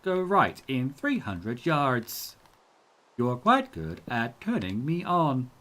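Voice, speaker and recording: A man voicing a flirty sat nav robot that has gained sentience, in a stilted robotic monotone. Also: mid-range voice, takes it slowly, full character voice. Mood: flirty deadpan.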